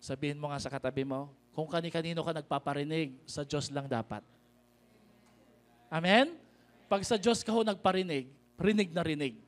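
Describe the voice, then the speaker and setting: A man with a Filipino accent preaching a sermon as pastor, calling out to the congregation and reading scripture slowly with emphasis. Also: on the high side. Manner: preaches in mixed Tagalog and English, calling out to the congregation.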